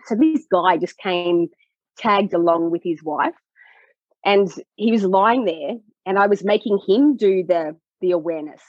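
A woman pelvic health coach explaining her work in a podcast conversation, animated and acting out what clients say. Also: on the low side, measured pace, dry recording, lo-fi sound. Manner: animated, acts out clients' voices.

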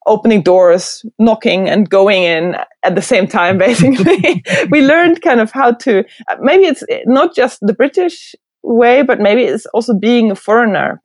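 A middle-aged German woman with a German accent, a design professor speaking as an interview guest, animated and thoughtful, laughing often. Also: mid-range voice, dry recording. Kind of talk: reflective conversational interview.

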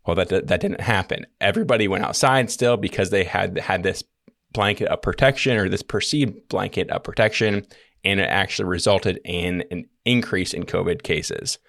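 A man with a very deep voice talks through a study in a loose, conversational way, backtracking and restarting his sentences. The sound is dry and close, with no room around it. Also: normal speed, creaky, a bit bright, no echo. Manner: rambling, self-correcting, many fillers. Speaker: podcast co-host. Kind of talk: casual explanatory podcast talk.

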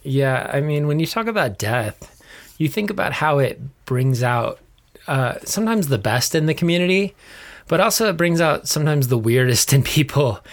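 A man's voice: on the high side, lively intonation, normal speed. A man with an American accent, co-hosting a podcast in a conversational style. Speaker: podcast co-host.

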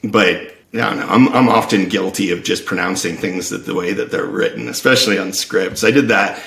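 A man explaining things at length in casual conversation, thoughtful and unhurried in his reasoning. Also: fairly low pitch, creaky, a bit bright. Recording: echoey room.

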